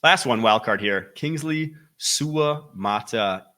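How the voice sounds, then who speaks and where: A young man from Wisconsin with a Wisconsin accent, hosting a solo football podcast with energetic, rapid-fire commentary that stresses key words. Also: mid-range voice. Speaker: football draft analyst podcast host.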